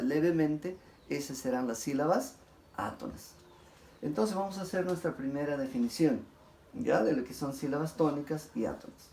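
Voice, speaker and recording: A man lectures like a teacher at the front of a class, his voice a bit high and mellow. He drags out example words slowly and keeps checking in with his listeners. The room is echoey, with faint noise underneath. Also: gravelly.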